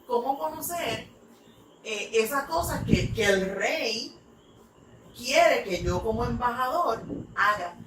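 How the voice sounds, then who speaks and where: The church talk here comes from a woman from New York, United States, who is an English teacher and ministry speaker. Her slightly high voice is animated, yet she takes it slowly, leaves long pauses and rambles through stories full of fillers. It was recorded in an echoey room, noisy and with the mic far away.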